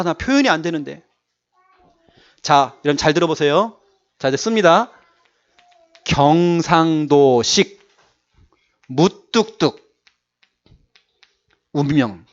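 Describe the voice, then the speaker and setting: A male pastor preaching a sermon, emphatic and repeating his key words to urge the congregation on. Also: high voice. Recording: dull lo-fi church recording.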